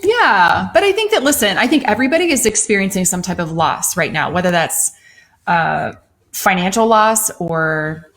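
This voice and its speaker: A woman in her forties co-hosting a casual live-stream chat with her husband, chatty and quick to laugh. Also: mid-range voice, lively intonation, a bit bright. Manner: chatty, laughs easily, talks through ideas. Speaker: co-host.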